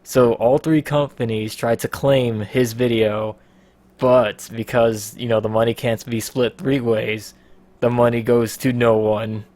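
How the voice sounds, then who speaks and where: A man's voice: mid-range voice, level tone, measured pace, a little mellow, dry recording. A man hosts a casual podcast in an easygoing, rambling way. He swears freely and laughs often as he talks. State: out of breath. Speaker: podcast host.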